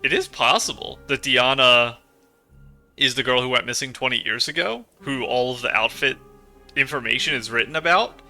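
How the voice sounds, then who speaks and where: Male let's play host: strikingly crisp, bright tone, casual, speculative commentary. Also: medium pitch, moderate pace, soft background music. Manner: musing, speculating aloud.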